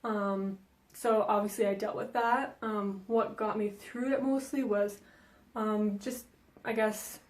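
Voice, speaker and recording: Speaking slowly in a steady, mid-range voice, a young woman from Denmark who grew up with Danish chats through viewer questions in her vlog. The room is reverberant, and she uses frequent ums and likes in this casual Q&A.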